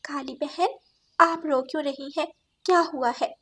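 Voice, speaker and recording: A woman voicing a gentle, kind sparrow. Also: high-pitched, moderate pace. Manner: soft, soothing, reassuring.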